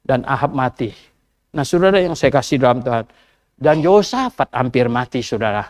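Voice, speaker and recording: Animated, chuckling male pastor. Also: medium pitch, normal speed. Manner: animated, chuckling, rhetorical questions. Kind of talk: storytelling sermon. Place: church service.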